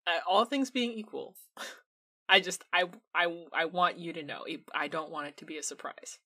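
Blunt, wry woman with a bright voice. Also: on the low side, moderate pace, breathy edge. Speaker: improv player. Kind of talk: improvised comedy role-play.

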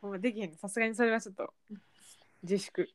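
A young woman with a Kansai accent, chatting casually and quickly as a podcast co-host. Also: mid-range voice, no echo. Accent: Kansai Japanese. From Kansai, Japan. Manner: fast-talking, expressive reactions. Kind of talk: casual chat.

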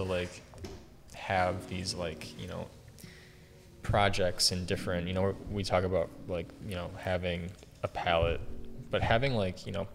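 A man's voice: low-pitched, gravelly, noisy background. A man, a filmmaker, chatting casually in a rambling way full of "like" and "you know", his voice carrying a big hall echo. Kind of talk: casual group chat. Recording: echoey hall reverb.

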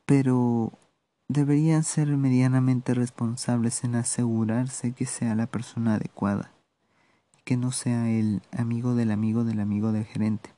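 Slow, dark-voiced Peruvian man commenting. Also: medium pitch, level tone. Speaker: podcast host. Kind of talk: solo political commentary monologue.

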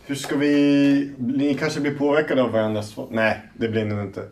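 A man's voice: medium pitch, flat delivery, a little mellow, far from the mic, slight background noise. A man hosting a casual podcast quiz, hesitating with fillers as he talks. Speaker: podcast host running a quiz.

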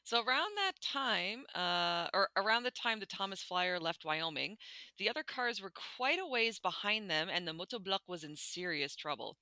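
A woman's voice: mid-range voice, lively intonation, moderate pace, pushed and bright, no echo. A woman co-hosting a casual history podcast, reading notes in a chatty, playful way full of "like" fillers. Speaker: podcast co-host.

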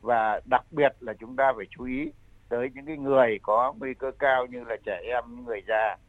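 An older man explains public health advice as an expert guest, in halting, repetitive phrasing. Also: mid-range voice, steady tone, no room sound. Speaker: medical expert guest, senior health adviser. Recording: thin phone-like line.

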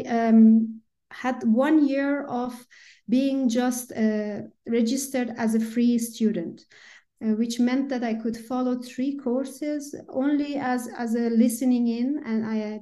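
A woman from Iran talks through her background as a podcast guest. Her voice sits a little high but sounds mellow and warm. She hesitates often, fills gaps with "um" and "uh", and laughs lightly. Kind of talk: conversational interview.

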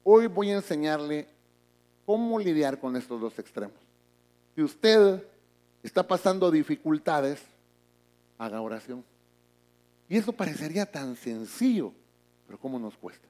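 A middle-aged man, a pastor, preaching a sermon in a church, moving from booming emphasis to hushed asides. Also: very animated, a little slow, long pauses.

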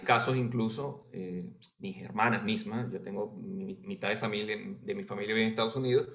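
Venezuelan writer, low-pitched man, reflective and halting, recorded in an echoey room. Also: steady tone, a bit bright. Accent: Venezuelan Spanish with Argentine touches. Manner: thoughtful, many hesitations and tag questions. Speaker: writer guest. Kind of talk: conversational interview answer.

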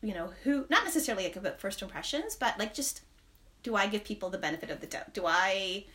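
A woman's voice: medium pitch, expressive, quick pace, fairly bright tone. A woman in her thirties, a podcast co-host, talking through personal reflections on faith in a rambling, candid way, laughing often. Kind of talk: casual faith chat.

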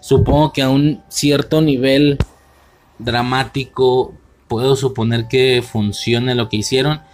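A man's voice: mid-range voice, steady tone, unhurried, slight background noise. A young man with a Mexican accent giving a rambling, slang-heavy spoken film commentary, often correcting himself, with faint music underneath. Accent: Mexican Spanish. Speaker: podcast host reviewing a film. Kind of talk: casual solo commentary.

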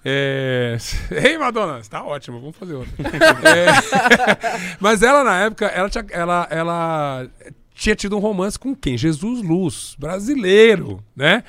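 A middle-aged Brazilian man, a journalist, telling anecdotes in conversation, animated and laughing often as he acts out the voices he quotes. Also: high-pitched, unhurried.

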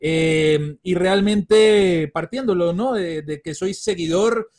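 A Colombian sports journalist appears as a guest on a casual podcast, speaking slowly in a high voice with a darkish tone. He is enthusiastic and tends to ramble, using fillers along the way.

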